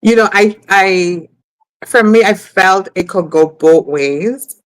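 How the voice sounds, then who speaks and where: A woman co-hosts a talk show. Her pitch sits in the middle and she comments in a casual, conversational way. The sound is dry, with little room to it. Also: takes it slowly, dry recording, poor audio. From US Virgin Islands.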